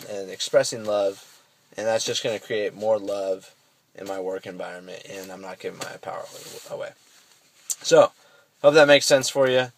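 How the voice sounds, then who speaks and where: A young man giving a casual, rambling self-help monologue, full of fillers and swearing. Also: lowish voice. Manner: rambling, profane, with many fillers. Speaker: vlogger.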